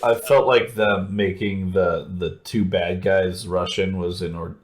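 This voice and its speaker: Low-voiced guy on a book podcast, chatty, lots of likes and ums. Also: steady tone, unhurried. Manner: chatty, rambling with fillers. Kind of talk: casual chat.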